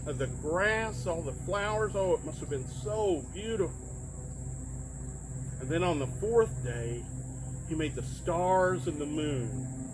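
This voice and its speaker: A man playing Moses as a friendly Bible patriarch, telling stories to children conversationally and asking them questions, outdoors. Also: sits high. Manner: conversational, asks young listeners questions. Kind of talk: children's storytelling. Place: outdoors among trees and plants. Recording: noisy outdoor recording with insect sounds.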